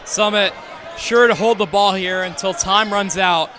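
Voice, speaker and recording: A man giving live basketball color commentary in a crowded school gym, chiming in with short analysis shouted over the crowd. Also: sits high, steady tone, a little slow. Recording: loud gym crowd behind.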